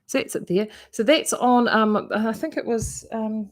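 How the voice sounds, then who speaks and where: A woman with a broad New Zealand accent and a voice on the high side chats a little slowly to live viewers. She hosts a knitting vlog and yarn shop, rambling casually and interrupting herself.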